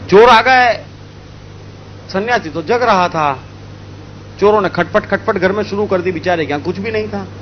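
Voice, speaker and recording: High-voiced storytelling man. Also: normal speed, long pauses, muffled recording, a little hiss or hum. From India. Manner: animated, acting out story characters. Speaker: spiritual speaker. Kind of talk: storytelling talk.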